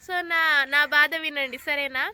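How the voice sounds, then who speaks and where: A woman's voice: high-pitched, steady tone, normal speed, sharp tone. A woman vlogger chatting casually at home in a playful, teasing, coaxing way. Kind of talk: casual home vlog chat.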